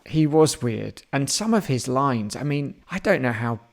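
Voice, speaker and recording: A man's voice: medium pitch, animated, measured pace, creaky. A man co-hosting a podcast in a casual chat, joking and playfully teasing his co-host.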